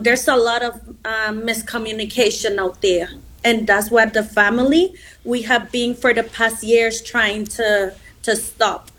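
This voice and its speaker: Honduran woman, fairly high pitch, hesitant interview guest. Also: a bit bright. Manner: hesitant, searching for words, many fillers. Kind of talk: conversational interview answers.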